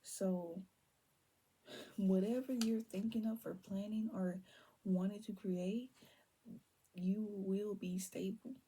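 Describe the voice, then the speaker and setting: A young woman giving a casual tarot reading to viewers, keeping her voice down and slipping between low talk and soft whispers. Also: fairly even intonation, takes it slowly, long pauses, slightly rough. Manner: holds her voice down on purpose. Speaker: tarot reader.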